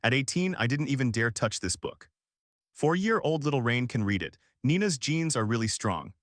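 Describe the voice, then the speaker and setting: A man's voice: mid-range voice, expressive, normal speed, a bit bright, no room sound, clean studio sound, lightly acted. A man voicing a remorseful young husband and father in a dubbed drama, earnest and tender. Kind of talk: dubbed short-drama dialogue.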